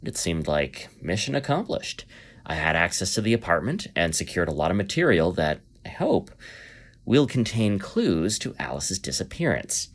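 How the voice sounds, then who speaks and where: A man's voice: sits low, big pitch swings, moderate pace, heavily acted. A man playing an earnest amateur investigator, narrating his podcast in a scripted first-person style. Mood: anxious, reflective.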